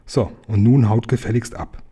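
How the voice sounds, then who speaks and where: A man's voice: mid-range voice, fairly even intonation, moderate pace, warm tone, breathy edge, natural voice. A man voicing a brash, bossy street boy who leads a gang, in a storybook reading. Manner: bossy, cheeky.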